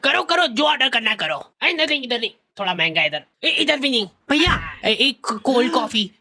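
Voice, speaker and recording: A woman's voice: fairly high pitch, big pitch swings, normal speed, pushed and bright, full character voice. A woman voicing a boastful, broke male senior student who lectures younger boys about girls in a cartoon. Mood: bragging. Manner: swaggering, lecturing, self-important.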